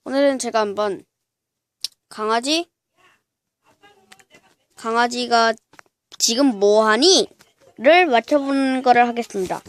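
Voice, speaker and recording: High-voiced female home-video host. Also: takes it slowly, pauses often, no room sound. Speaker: host of a homemade pet video. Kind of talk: casual comic interview with a pet.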